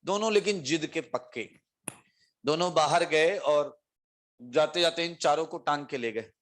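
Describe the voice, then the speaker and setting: A middle-aged man teaching chemistry, telling a lively story to his students and laughing as he acts out the voices of the people in it. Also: fairly high pitch, a little slow.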